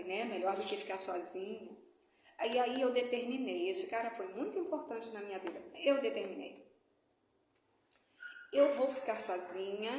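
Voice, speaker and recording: A woman's voice: on the high side, reverberant, slight background noise. A woman telling a personal story on her channel in a casual, dramatic way, acting out her own past words. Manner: animated, dramatic retelling with quoted dialogue.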